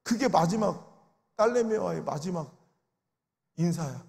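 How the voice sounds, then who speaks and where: A man's voice: sits high, animated, a little slow, vocal fry, darkish tone. A man preaching an emotional revival sermon as a pastor, telling stories and acting out the voices of grieving people. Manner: storytelling, acts out quoted voices with sobbing cries. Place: large prayer retreat sanctuary. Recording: reverberant large worship hall.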